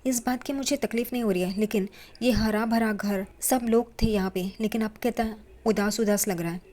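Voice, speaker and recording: A woman voicing a gentle young woman who feels lonely in an empty house, speaking softly and pleadingly. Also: medium pitch, fairly even intonation, normal speed, natural voice. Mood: worried.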